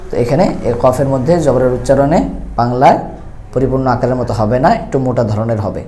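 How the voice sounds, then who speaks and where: A man teaching Quran reading step by step, with a Bangladeshi Bengali accent, patiently repeating and slowly drawing out each letter sound. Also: mid-range voice, dark tone, a little hiss or hum. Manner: patient, repetitive, draws out letter sounds slowly when demonstrating. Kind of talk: step-by-step recitation lesson.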